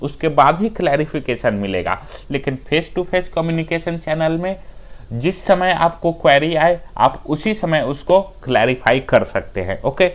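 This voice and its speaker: Slow, deliberate Indian tutor, man. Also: on the high side, expressive. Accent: Indian English. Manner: unhurried explainer who often starts with "dekhiye". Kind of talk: exam-prep lecture, reading English points slowly then explaining in Hindi.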